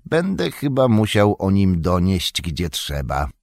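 A man's voice: low-pitched, big pitch swings, slow, no echo, clean studio sound, heavily acted. A man voicing a scheming, vicious male orc who speaks in a mocking, sneering way that is less coarse than the other orcs in an audiobook reading. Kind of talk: audiobook character voice.

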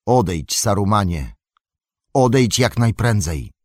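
A man voicing a young male hobbit who is calm, firm and merciful, speaking earnestly in an audiobook reading. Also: fairly low pitch, slow, dry recording, clean studio sound, voice pushed up, full character voice. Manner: earnest and commanding, raised voice.

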